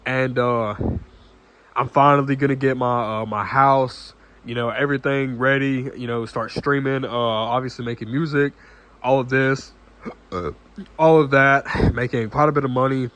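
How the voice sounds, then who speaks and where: A nineteen-year-old man talking casually to camera in an earnest, halting way, full of restarts and fillers, often clearing his throat. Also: medium pitch, steady tone, fairly bright tone. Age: late teens. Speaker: vlogger.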